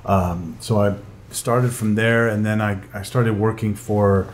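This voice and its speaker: A man's voice: fairly low pitch, fairly even intonation, a little slow, slight background noise. A middle-aged man from Glendale, California, a sales coach speaking unhurriedly as a podcast guest, with many fillers and restarts. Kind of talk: casual interview.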